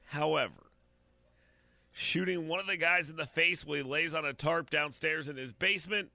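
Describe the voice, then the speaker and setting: A man's voice: fairly high pitch, moderate pace, vocal fry, pushed and bright, no room sound. A man giving blunt, opinionated commentary while reading out a news story, talking straight to his audience and stumbling over repeated words.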